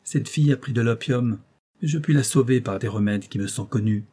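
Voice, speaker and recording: A man reading a storybook who voices a calm, self-assured count. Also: mid-range voice, a little fast, breathy edge, lightly acted. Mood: commanding.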